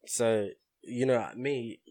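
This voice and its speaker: A man's voice: medium pitch, fairly even intonation, takes it slowly, a little mellow. A man co-hosting a casual podcast chat, teasing his friend and filling in with short murmured agreements. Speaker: podcast co-host.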